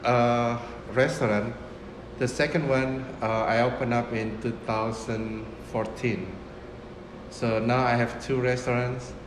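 Man in his fifties, from Indonesia, restaurant owner, halting casual talk, room noise behind, camera at table distance. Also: medium pitch. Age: 50s. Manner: unhurried, many fillers and restarts. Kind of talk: casual interview. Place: restaurant dining room, indoors. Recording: roomy echo with room noise.

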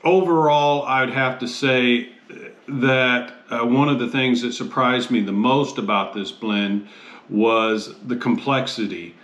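An American man in his fifties giving a casual review to camera in a measured, halting way, often pausing mid-phrase. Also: mid-range voice, fairly even intonation, a bit bright, highs cut off, slight background noise. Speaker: host of a pipe tobacco review show. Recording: roomy, echoey sound.

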